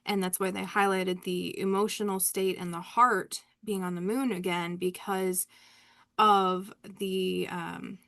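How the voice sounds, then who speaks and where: A woman's voice: medium pitch, steady tone, moderate pace, hardly any pauses, fairly bright tone. Woman reader, casual live chat, rambling, candid, laughs a lot. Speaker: spiritual reader hosting a live session.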